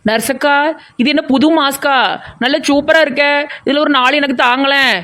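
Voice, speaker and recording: A woman's voice: high-pitched, fairly even intonation, moderate pace, a bit bright. A woman voicing a chatty, nosy village woman in a cartoon comedy, with a southern Tamil Nadu accent. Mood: chattering. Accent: southern Tamil Nadu (Kanyakumari–Tirunelveli). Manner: rambling, teasing, talks nonstop.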